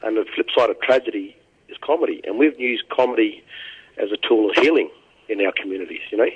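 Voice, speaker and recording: An Australian comedian answering interview questions earnestly, halting and repeating words as he thinks. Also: lowish voice, slightly rough, narrow, tinny audio.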